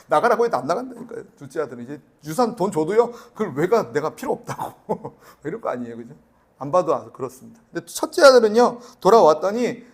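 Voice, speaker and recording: Man preaching an animated sermon. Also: sits high. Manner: storytelling, acting out family dialogue with rising emphatic questions. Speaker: pastor.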